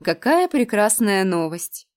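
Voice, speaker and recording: A skeptical young woman, voiced by a female reader, answering her friend's schemes with dry sarcasm. She speaks near the reader's own pitch, a little firmer than the narration. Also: lively intonation, moderate pace, darkish tone, close to an everyday voice. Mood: sarcastic.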